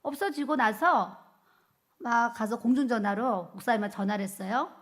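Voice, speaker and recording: A woman's voice: a little high, moderate pace. A woman pastor giving a testimony sermon, telling her story vividly and acting out the quoted speech.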